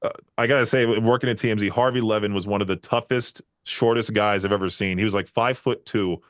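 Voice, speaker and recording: A podcast host with a fairly low voice and fairly even intonation speaks fast in a casual interview chat. He rambles through long stories, full of fillers and laughs. The recording is dry and studio quality.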